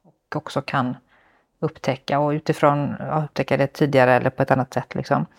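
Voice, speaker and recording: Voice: mid-range voice, level tone, vocal fry. A podcast host speaking reflectively with a guest, thoughtful and hedging, with many fillers. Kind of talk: reflective interview conversation.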